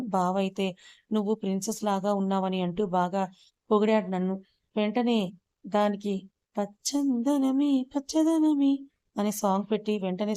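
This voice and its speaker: A woman narrating a first-person audio story in an even, measured way. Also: medium pitch, clean tone, dry recording.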